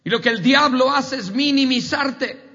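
A man's voice: extremely high pitch, measured pace, sharp tone, slightly rough. A man preaching a sermon emphatically, with repetitive lists and rising outbursts. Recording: dull audio with long hall reverb.

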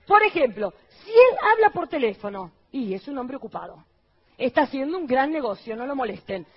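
Woman pastor, Argentine accent, very high-pitched, lively sermon with mocking asides, muffled recording. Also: normal speed, slightly rough. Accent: Argentine Spanish. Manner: lively preaching, rhetorical questions to the crowd; mocking voices for quoted people, dropping low. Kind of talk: sermon to a congregation.

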